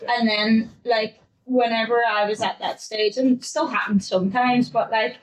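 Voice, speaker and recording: A woman's voice: a little high, steady tone, moderate pace, rough recording. A young adult woman, a newly qualified fitness coach, chatting casually on a podcast, laughing often and acting out her past self.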